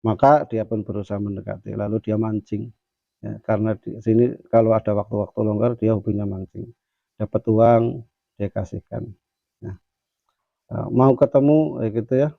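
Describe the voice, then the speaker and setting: A man's voice: lowish voice, steady tone, normal speed, vocal fry, long pauses, no room sound. A man telling a religious story casually, with chatty fillers and asides. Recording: dull dry close recording.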